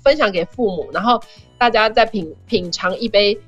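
A woman's voice: mid-range voice, moderate pace, soft background music. A middle-aged woman, a podcast guest, telling family stories and acting out the voices of the people in them in casual chat. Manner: animated storyteller, acts out family members' voices. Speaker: podcast guest sharing parenting advice. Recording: dull, dry podcast audio.

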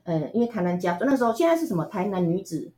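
A woman from Taiwan with a Taiwanese Mandarin accent, telling stories as an interview guest in a chatty, animated way with frequent laughs. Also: mid-range voice, rapid-fire, slight background noise. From Tainan, Taiwan. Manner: chatty, animated, laughs often, many fillers. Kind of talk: casual storytelling interview.

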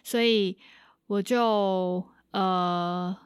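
A woman's voice: mid-range voice, steady tone, extremely slow, clean tone, no echo, studio quality. A young woman, a guest on an interview show, animatedly retelling an experience and acting out the dialogue. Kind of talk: casual storytelling in an interview.

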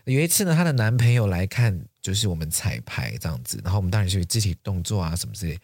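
Lively-voiced man co-hosting. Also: deep voice, fast, no room sound, studio quality. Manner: attentive listener who chimes in with reactions. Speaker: podcast co-host. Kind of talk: casual chat.

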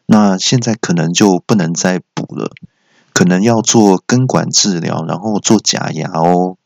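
Measured, gravelly male dentist, unhurried, a man voicing him. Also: low voice, no room sound, heavily acted. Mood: matter-of-fact. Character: calm matter-of-fact male dentist.

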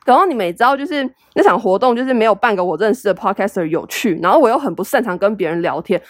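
A woman's voice: medium pitch, lively intonation, racing, no echo, clean studio sound. A young woman with a Taiwanese Mandarin accent, hosting a solo podcast in a chatty, self-deprecating way full of fillers. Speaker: podcast host. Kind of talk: casual solo podcast advice.

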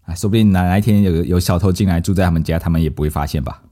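A man's voice: low-pitched, rapid-fire. A man, telling a story casually as a podcast host and acting out his family's lines. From Malaysia. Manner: lively anecdote-telling, acts out quoted family members.

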